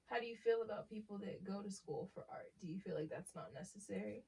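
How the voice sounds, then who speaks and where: Husky, gravelly woman interviewer. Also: medium pitch, quick pace. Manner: relaxed, curious questioning. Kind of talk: casual interview questions. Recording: voice from a distance off the mic.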